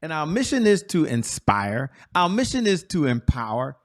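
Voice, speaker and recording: A man's voice: a little high, sing-song, normal speed. Upbeat man hosting a business show. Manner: enthusiastic, repetitive emphasis. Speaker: show host. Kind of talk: energetic interview talk.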